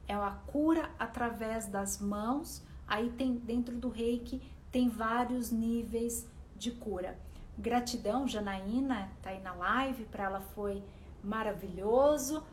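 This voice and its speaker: A woman's voice: mid-range voice, slight background noise. A woman with a Brazilian accent leading motivational guided relaxation and talk on a live stream, encouraging and repeating phrases for emphasis. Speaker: host and guided meditation leader.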